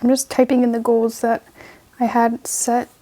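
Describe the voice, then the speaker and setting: A woman's voice: on the high side, completely flat delivery, moderate pace, dark tone. A young woman vlogger in casual talk, thinking aloud as she plans and types at her computer. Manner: chatty, thinking aloud while typing. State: out of breath. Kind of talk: casual planning vlog with screen recording.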